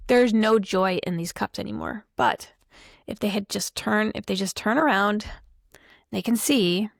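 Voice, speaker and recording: Woman, tarot reader, casual rambling chat, apologetic asides, mid pitch, dry room. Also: unhurried, creaky, dry recording. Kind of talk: casual tarot reading to camera.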